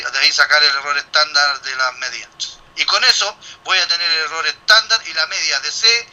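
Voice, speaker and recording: A man's voice: on the high side, sharp tone, low-quality recording. A middle-aged man, a lecturer explaining a statistics problem to his students and thinking aloud with restarts and rhetorical questions. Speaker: university lecturer. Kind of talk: classroom explanation.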